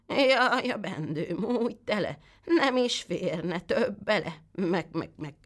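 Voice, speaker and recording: A woman voicing a sly, lying female goat who whines in drawn-out sing-song rhymes and bleats. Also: mid-range voice, lively intonation, voice pushed up, close to an everyday voice. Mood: smug.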